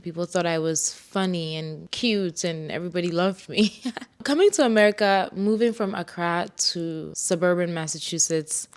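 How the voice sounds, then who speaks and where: A young woman from Ghana hosting a solo podcast, telling personal stories in a candid, reflective way with bursts of playful self-hype. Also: on the low side. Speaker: podcast host.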